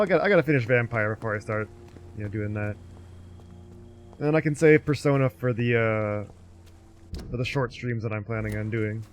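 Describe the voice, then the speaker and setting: A man streaming a game live, rambling in casual commentary and talking back at the game and his chat. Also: mid-range voice.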